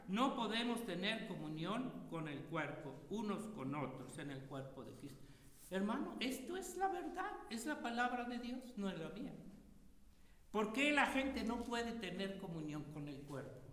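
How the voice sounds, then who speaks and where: A man preaching a sermon to his congregation, animated and firing rhetorical questions at his listeners. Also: very high voice. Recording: echoey hall with long reverb.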